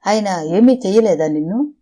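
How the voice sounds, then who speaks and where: A woman's voice: medium pitch, lively intonation, normal speed, dark tone, close to an everyday voice. A woman reading a stern, protective daughter in an audiobook, speaking in a serious, firm way.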